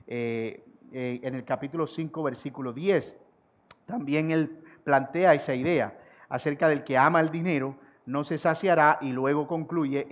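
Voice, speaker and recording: A male pastor delivering an expository sermon in a voice pitched a little high for a man. He slows down to repeat his central point word by word. He presses harder and higher as he fires off rhetorical questions. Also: fairly bright tone. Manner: repeats key sentences slowly for emphasis.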